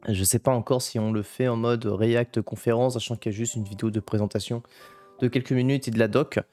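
A man's voice: mid-range voice, fairly quick, faint music behind. A man chatting casually on a live stream, greeting viewers one by one. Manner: greets chat by name, chatty and lively.

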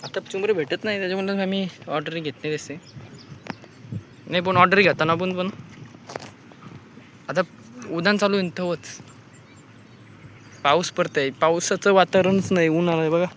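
A man's voice: sits high, steady tone, normal speed, long pauses, fairly bright tone, a little hiss or hum. A man vlogging casually outdoors while checking crab nets by the water, chatting to viewers and pointing things out as he films on a phone.

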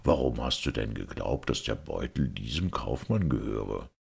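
Man reading a deep, stern caliph. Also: expressive, vocal fry, darkish tone, husky, full character voice. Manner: low, measured and stern. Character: stern, just male caliph, grave authority.

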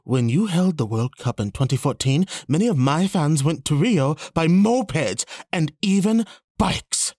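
A performer voicing a touchy, proud Mexico countryball in a cartoon, indignant and defensive, with a husky voice. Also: mid-range voice, expressive, measured pace, a little mellow, dry recording, studio quality. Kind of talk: cartoon voice acting.

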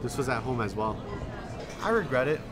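A young adult man with an American accent, from Indonesia and Illinois, tells a personal story in a casual, halting, reflective way as a documentary interviewee. His medium-pitched voice swings widely in pitch. The recording was made indoors in a busy food hall, with loud restaurant crowd noise and chatter behind him.

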